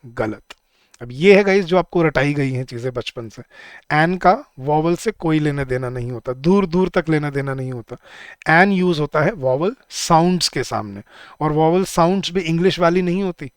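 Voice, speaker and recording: A man's voice: fairly high pitch, clean tone, dry recording, clean studio sound. A man teaching an online exam-prep English lesson, talking to the class in a chatty way and answering his own questions.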